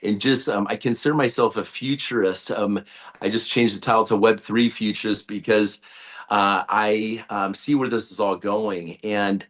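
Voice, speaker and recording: A man giving a rambling sales pitch on a group video call, full of fillers, restarts and hype. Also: steady tone, normal speed, fairly bright tone. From United States. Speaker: guest, network-marketing leader.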